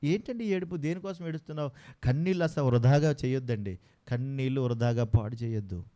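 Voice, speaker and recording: A man's voice: mid-range voice, brisk, mellow. A man preaching a sermon with passion, firing rhetorical questions at his congregation.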